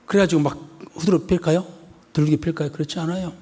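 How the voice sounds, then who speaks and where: Speaking quickly in a husky voice on the high side, a male pastor from the area delivers an expository sermon in a long-reverb church sanctuary. He's animated, repeatedly asks the congregation rhetorical questions, and plays out scenes such as a mother scolding.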